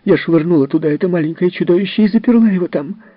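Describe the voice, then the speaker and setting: A shrill, sobbing young woman, hurried and defensive, as a male reader voices her. She sits high above the reader's own husky voice, in a dull, dry audiobook recording. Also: dry recording. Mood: sharp.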